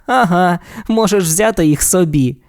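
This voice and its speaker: The audiobook reader voices a calm, friendly boy wizard, speaking lightly. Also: mid-range voice, unhurried, voice pushed up, natural voice. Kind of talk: audiobook character reading.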